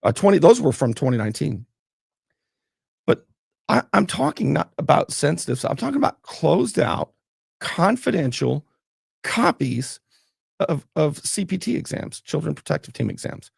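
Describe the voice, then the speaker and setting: A man's voice: on the high side, sing-song, normal speed, creaky, husky, dry recording, clean studio sound. A man hosting a talk show, getting fired up and blunt as he questions his guest. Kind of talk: heated political interview.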